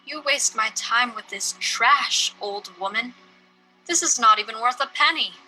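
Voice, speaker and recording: A woman voicing a greedy male merchant who speaks slowly, loudly and dismissively. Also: on the high side, faint music behind, rough recording. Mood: scornful. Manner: slow, loud and dismissive.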